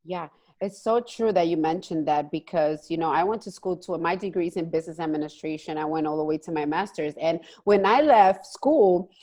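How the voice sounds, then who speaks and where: A woman's voice: on the low side, a little fast, hardly any pauses, mellow. A woman hosting an interview over a video call, chatty and enthusiastic. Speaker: host. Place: home, joining by video call.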